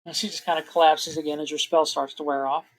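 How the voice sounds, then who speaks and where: A woman's voice: low-pitched, little pitch movement, fast talker. A woman narrating as game master in a casual, chatty way, laughing often and restarting her sentences now and then.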